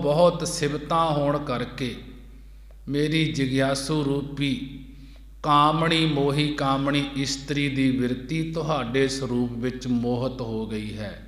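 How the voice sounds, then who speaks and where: A man preaching in a gurdwara hall, chanting scripture lines and then explaining them slowly, repeating each line. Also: medium pitch. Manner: slow, measured, repeats each line twice. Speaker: Sikh preacher. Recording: echoey hall with long reverb.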